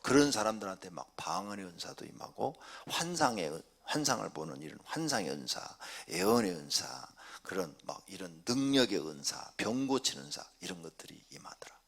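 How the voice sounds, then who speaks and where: A middle-aged man preaching a Korean church sermon, swinging between loud exclamations and hushed asides. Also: low voice, sing-song, brisk, vocal fry, few pauses. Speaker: pastor.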